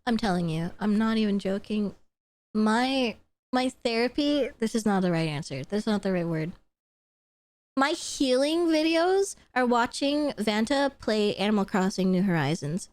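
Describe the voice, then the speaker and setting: A woman streamer in casual chat, excitable and gushing, with squealing laughs and free swearing. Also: medium pitch, moderate pace, no room sound.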